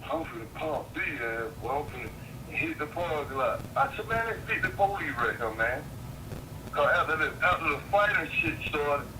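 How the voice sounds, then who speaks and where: A man's voice: a little high, very animated, moderate pace, far from the mic, background noise. A man in a casual phone chat, heard over a phone line, telling rambling, slangy, profane stories.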